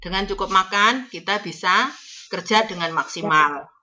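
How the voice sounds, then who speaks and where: A woman's voice: medium pitch, normal speed, sharp tone, highs cut off. A woman from Java with a Javanese accent, giving chatty, coaching advice to domestic workers heading abroad and slipping into Javanese phrases. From Java, Indonesia. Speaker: agent advising domestic workers going abroad. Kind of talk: casual advice talk.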